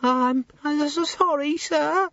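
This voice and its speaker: Man voicing a nervous young maid, very high pitch, stammering, deferential, dull dry recording. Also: takes it slowly, pushed and bright, dry recording, full character voice. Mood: timid. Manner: stammering, deferential, lower-class speech.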